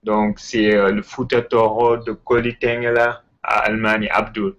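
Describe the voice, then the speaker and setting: A man's voice: fairly low pitch, flat delivery, unhurried, a bit bright, highs cut off. A man with an English-tinged French accent giving an enthusiastic casual history talk as host, hesitant, full of fillers and repeated words. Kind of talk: casual spoken lecture. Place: Ontario, Canada.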